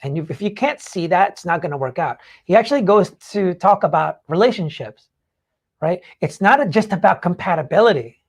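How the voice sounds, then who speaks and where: A man hosts a podcast with casual motivational talk, his high voice expressive and fairly quick. He explains things in an informal, meandering way, often saying "like" and "you know."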